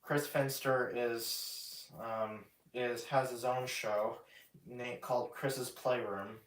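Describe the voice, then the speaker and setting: A man chatting casually on a live stream, halting and restarting often as he talks about his puppets. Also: mid-range voice, fairly even intonation. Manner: halting, many restarts and fillers. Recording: roomy echo, mic at a distance.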